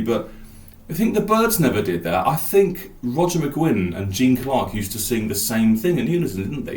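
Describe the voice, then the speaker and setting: A man's voice: mid-range voice, darkish tone, roomy sound. A man hosting a podcast, rambling enthusiastically about an album and thinking aloud. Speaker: podcast host. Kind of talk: casual album talk.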